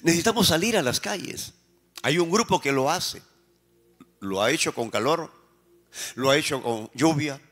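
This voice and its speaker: A Peruvian man preaching a sermon as a pastor. He fires questions at the congregation, answers them himself, and swings between raised emphatic lines and quiet, slowed phrases. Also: a little high, expressive. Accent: Peruvian Spanish.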